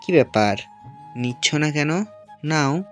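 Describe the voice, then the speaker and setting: A woman's voice: a bass voice, fairly even intonation, measured pace, soft background music, pitched below the performer's own voice. A woman voicing a young male mafia boss who talks bluntly and teasingly in an audio story. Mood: awkward curt.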